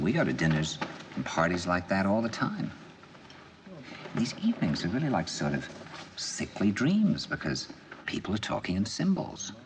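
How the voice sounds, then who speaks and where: In a heavily acted film scene with a little background noise, a man with a low voice plays an intense middle-aged man confiding over dinner. His dialogue is earnest and probing, building up to emphatic bursts.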